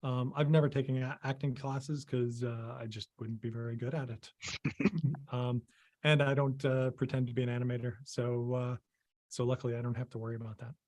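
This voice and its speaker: A middle-aged man from Maine, a visual effects artist appearing as an interview guest, speaks haltingly with many ums and restarts during a casual video-call conversation. His voice is mid-range and darkish with a flat delivery, and he is losing his voice and clearing his throat.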